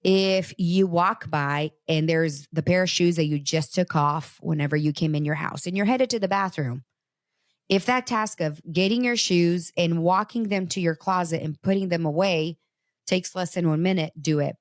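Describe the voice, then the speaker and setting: In a fairly low-pitched voice at normal speed, a woman from Brazil, Portuguese her native language, gives an animated, conversational motivational talk addressed straight to her audience. The recording is dry and of studio quality.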